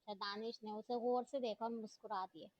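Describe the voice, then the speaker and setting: A woman's voice: on the high side, normal speed, no echo. Woman narrator reading a novel, dry sound. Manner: steady storytelling. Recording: dull dry lo-fi recording.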